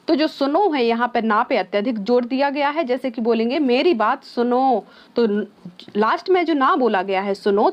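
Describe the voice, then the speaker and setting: A woman teaching an exam-prep lesson who mixes English words into her explanation. She asks her own questions and then answers them. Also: fairly high pitch. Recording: slightly dull, lo-fi sound.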